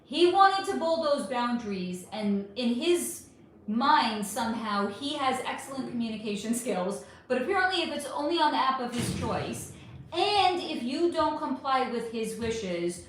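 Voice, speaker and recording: A woman hosting a livestream, telling dating stories in an animated, blunt way with some swearing. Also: fairly high pitch, moderate pace. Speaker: spiritual reader and livestream host. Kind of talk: casual livestream storytelling. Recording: very echoey room, faint noise.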